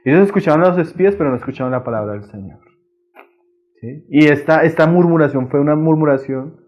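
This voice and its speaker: Guy preaching a sermon, kinda high voice, chatty, loud then soft, muffled lo-fi sound. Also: quick pace. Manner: conversational, often tags phrases with "hermano" and "¿no?"; swings between raised emphatic lines and dropped quiet asides.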